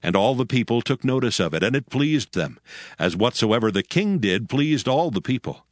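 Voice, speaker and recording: A man giving a measured, scripted narration of scripture. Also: medium pitch, no echo, studio quality. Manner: measured, even reading. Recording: music bed under voice.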